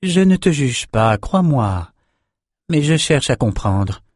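Male reader doing a blunt commanding sorceress, raised pitch, dry booth sound. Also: big pitch swings, takes it slowly, no echo. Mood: firm. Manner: blunt, probing. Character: stern commanding woman sorceress. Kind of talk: audiobook character voice.

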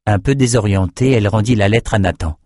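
A man reading a fantasy novel aloud as the audiobook narrator, in an even and measured way. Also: fairly low pitch, no room sound, studio quality.

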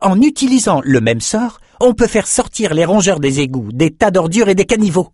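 A man doing an excitable young woman mage. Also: high-pitched, normal speed, no echo, studio quality, voice pushed up. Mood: excited.

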